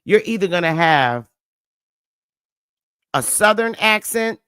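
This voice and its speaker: This woman's voice sits on the low side yet sounds animated, fairly bright, and smooth, and she speaks at a slow pace. Hosting a livestream in a Northern US accent, she emphatically lectures viewers, repeats her points, and invites the chat to reply. The studio sound is clean, with no room sound.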